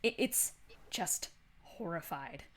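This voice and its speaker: A woman running a tabletop game as game master, describing scenes in a drawn-out, halting, dramatic way. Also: fairly low pitch, lively intonation, fairly bright tone. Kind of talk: improvised tabletop game narration.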